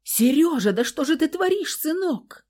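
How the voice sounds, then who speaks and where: A woman's voice: deep voice, lively intonation, a little slow. A woman voicing a worried older mother who coaxes and soothes her grown daughter in an audiobook. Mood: alarmed. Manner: coaxing, gentle pleading.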